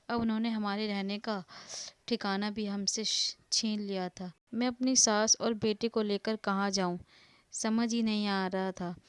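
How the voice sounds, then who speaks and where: A woman tells a first-person life story with earnest feeling. Her voice is smooth and clear at a middle pitch, recorded close and dry with no room echo.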